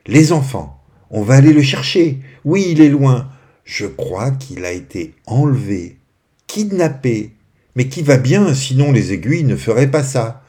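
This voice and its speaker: A man doing a gentle fairy lady. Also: mid-range voice, sing-song, measured pace. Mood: serious. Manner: soft, reassuring, speaks tenderly to children. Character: kind female fairy, gentle and caring. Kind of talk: bedtime storytelling.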